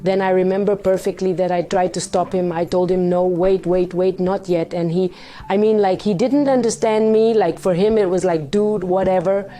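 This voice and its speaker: Hosting her storytime channel, this vlogger speaks in a fairly low, mellow voice, hoarse and partly lost from partying. She talks at normal speed with fairly even intonation, casually confessing to camera and dramatizing the tale with quoted lines.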